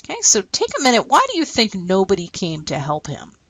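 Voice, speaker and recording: A woman's voice: medium pitch, huge pitch swings, fairly quick, a bit bright, breathy edge, rough recording. A woman teacher explaining a lesson and reading short stories aloud, often checking in with "okay?". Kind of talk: recorded classroom lesson.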